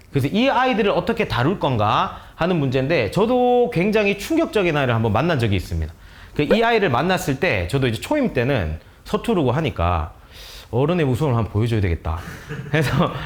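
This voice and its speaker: A male teacher earnestly explaining how to guide students, giving practical advice to other teachers and acting out sample conversations. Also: on the high side. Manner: earnest, explanatory, acts out dialogues. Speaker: teacher, guest speaker.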